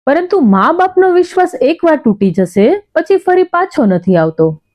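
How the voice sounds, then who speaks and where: A woman's voice: sits high, very animated, normal speed, a little mellow. A woman telling a story in scripted, emotional narration.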